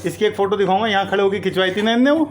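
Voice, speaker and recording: A man's voice: high voice, racing. A middle-aged man hosting a family challenge vlog, joking around and calling out words like a playful emcee. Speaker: vlog host.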